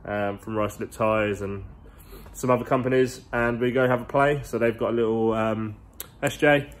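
Phone out at arm's length, a car vlogger in his twenties chats his way through a big indoor garage workshop. He talks at a moderate pace with a medium-pitched voice and fairly even intonation, rambling along in casual slang.

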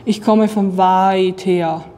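Young woman voicing a big friendly monster, hungry, mumbling, mellow tone, storybook. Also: steady tone, slow, big-room sound, close to an everyday voice. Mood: demanding. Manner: lowered, mumbling voice. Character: huge friendly blue monster, hungry and good-natured.

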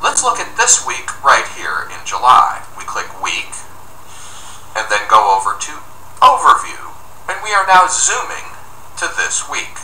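Man explaining software steps, bright and roomy. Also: medium pitch, huge pitch swings, a little slow. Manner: upbeat, step-by-step explaining. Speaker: software tutorial presenter. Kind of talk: screencast walkthrough narration. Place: office room indoors, at a desk. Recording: roomy, distant mic with faint noise.

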